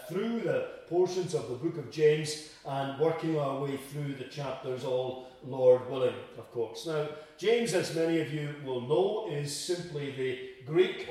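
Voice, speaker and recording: Man, preacher, Bible study sermon, measured explaining, slightly higher voice, distant mic. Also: darkish tone. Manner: measured, explanatory, with frequent hesitations. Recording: very echoey room, from far off.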